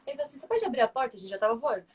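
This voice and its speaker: Fast, high-voiced woman telling animated stories. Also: slightly rough. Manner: animated, acts out dialogue in her stories. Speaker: former flight attendant, guest. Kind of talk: casual chat, storytelling.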